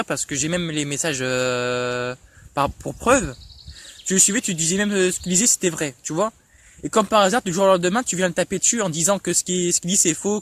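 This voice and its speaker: A man's voice: high voice, fairly bright tone, slight background noise. A man preaching in an impassioned online rebuttal, stammering and restarting his words, reproaching a rival directly with repeated questions.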